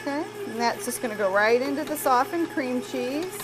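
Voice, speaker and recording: A woman's voice: sits high, expressive, normal speed, music in the background. A middle-aged woman hosting a home cooking show with her family, chatting, explaining steps and laughing often. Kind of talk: casual cooking demo with family.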